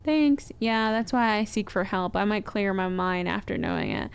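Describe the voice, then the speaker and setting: A woman co-hosts a casual talk show in an easy, relaxed voice at a middle pitch. She reads listener messages aloud and teases her co-host between them. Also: moderate pace, gravelly, clean tone. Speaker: podcast co-host. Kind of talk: casual chat.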